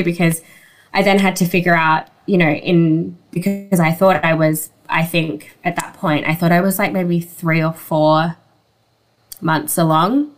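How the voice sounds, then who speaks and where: A woman telling a personal story as an interview guest, in a casual, conversational way peppered with "like" and "you know". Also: on the low side.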